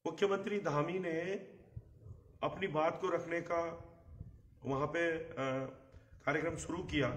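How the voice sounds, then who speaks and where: A middle-aged man with a hoarse voice, giving emphatic live political commentary and clearing his throat. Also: on the high side, roomy sound, slight background noise. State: hoarse, recovering from a bad cough. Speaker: journalist and live show host. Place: outdoor terrace in the hills. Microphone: phone a short distance away.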